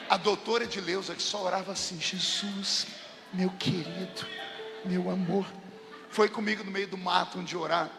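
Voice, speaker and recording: A man with a Brazilian Portuguese accent preaching a lively, humorous storytelling sermon as a pastor, bursting into shouts. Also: high voice, gravelly, big-room sound.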